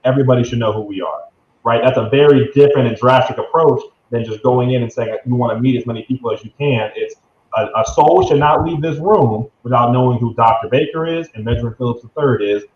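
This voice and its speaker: A man in his early twenties, a young business executive appearing as an interview guest, gives confident, salesy explanations like a pitch, often tagging phrases with "right?" His medium-pitched voice moves quickly. The recording is dull and lo-fi, with roomy echo and faint noise.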